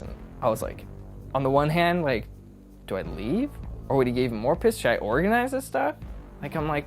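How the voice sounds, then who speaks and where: An excitable man tells a story with wide swings of pitch, swearing freely. His voice sits in a medium register, and soft music plays underneath. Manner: animated, excitable, profane. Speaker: interviewee. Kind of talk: anecdotal interview storytelling.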